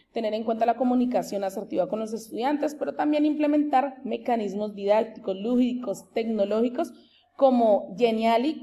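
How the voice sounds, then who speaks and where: A woman, a master's degree candidate, presents her thesis project in a formal, steady, explanatory manner. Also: on the high side. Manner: steady, explanatory, with occasional restarts.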